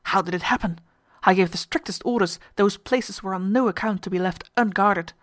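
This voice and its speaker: A woman's voice: mid-range voice, normal speed, natural voice. A woman voicing a stern male ship captain who speaks in a brusque, commanding way.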